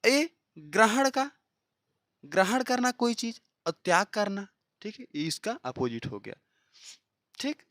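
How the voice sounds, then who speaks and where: Teacher, exam-prep lesson, lively swinging pitch, repeats answers for drilling, dry close sound. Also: normal speed, no echo. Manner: reads each option as a question, checks in with frequent "okay". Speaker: Hindi teacher for exam preparation. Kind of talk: exam-prep lesson solving practice questions.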